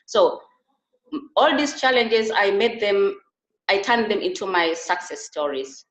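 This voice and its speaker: In Germany, a middle-aged Ugandan beauty and wellness therapist is interviewed conversationally, talking earnestly and haltingly with frequent restarts. Her mid-range voice is expressive with a fairly bright tone, and the recording has a roomy echo.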